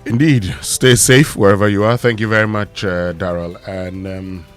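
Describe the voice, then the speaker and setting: A man's voice: lowish voice, steady tone, moderate pace, soft background music. A man with a Ghanaian accent hosting a morning radio show in casual live chat.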